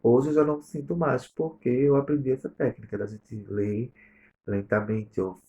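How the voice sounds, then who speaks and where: A man's voice: mid-range voice, steady tone, moderate pace, dark tone, dull audio. A male teacher with a Brazilian Portuguese accent, going over exercise answers step by step in a recorded lesson review. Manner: explains step by step, reading answers aloud.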